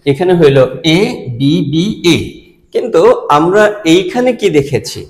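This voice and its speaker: Male lecturer, Bangladeshi Bengali accent, slightly high voice, patient step-by-step explainer, reverberant room. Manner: explains step by step, asking and answering his own questions. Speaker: teacher. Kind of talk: recorded lecture.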